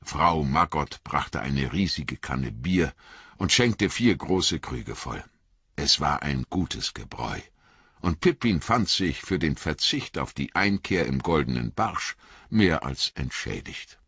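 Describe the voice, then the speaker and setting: A man narrating a fantasy audiobook in an expressive storytelling manner. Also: rumbling low, slow, slightly rough, dry recording, muffled recording. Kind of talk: scripted narration.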